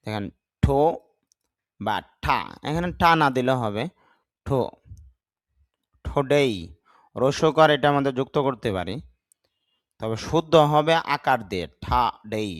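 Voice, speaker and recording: A medium-pitched male voice with no room sound leads a vocabulary lesson for English learners. Each word gets said, repeated and spelled out, along with an explanation of proper pronunciation, all delivered in a slow, deliberate drill style.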